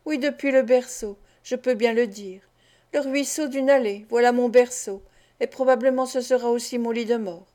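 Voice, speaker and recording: A woman's voice: fairly high pitch, fairly even intonation, moderate pace, dark tone, natural voice. A woman voicing a poor, desperate young woman of the streets, pleading and tearful, in a read-aloud novel.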